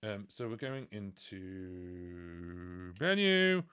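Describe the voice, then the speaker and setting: A man's voice: low voice, lively intonation, very slow, bright, forceful tone, clean tone. A man in his forties from the UK, casually chatting on a music live stream and answering viewer questions with lots of fillers. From United Kingdom. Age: 40s.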